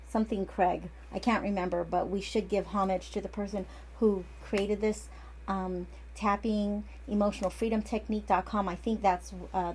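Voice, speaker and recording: Forties lady acupuncturist chatting thru a lesson, rambly, restarts a lot, bit of low room hum. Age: 40s. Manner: chatty and digressive, with frequent restarts. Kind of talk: casual instructional talk.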